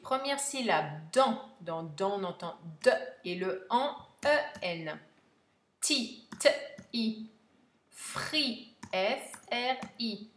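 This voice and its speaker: Woman teacher, very slow dictation pace, spells words letter by letter, echoey room. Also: medium pitch, fairly bright tone. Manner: spells letter by letter, repeats each word very slowly.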